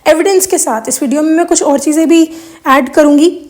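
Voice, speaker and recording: Her voice is high and a little mellow. An Urdu-speaking woman hosting a religious video, she earnestly explains proper prayer recitation to her viewers in a casual way, using examples and the occasional English phrase.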